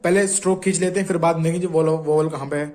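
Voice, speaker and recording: High-pitched guy teaching shorthand, patient, keeps repeating the sounds out loud while he writes. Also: steady tone, very fast. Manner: often checks in with "ठीक है". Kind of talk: Hindi tutorial explaining strokes.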